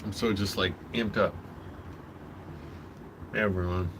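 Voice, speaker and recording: A man's voice: low-pitched, fairly even intonation, a little slow. A man rambling casually while eating, talking with his mouth full. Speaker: vlogger. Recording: clearly noisy background hum.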